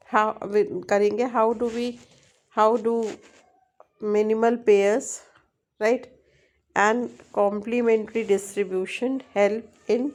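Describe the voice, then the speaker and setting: Slow-paced Indian woman tutoring linguistics. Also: mid-range voice. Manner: slow, deliberate reading of English definitions; frequent checking tag questions. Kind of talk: explaining at a board in mixed Hindi and English.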